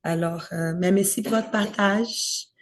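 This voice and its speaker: Woman, mid-pitched, soft-spoken discussion leader who pauses to search for words. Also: fairly even intonation. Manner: gentle and inviting, searching for words. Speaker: group leader of a faith discussion. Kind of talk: leading a group discussion.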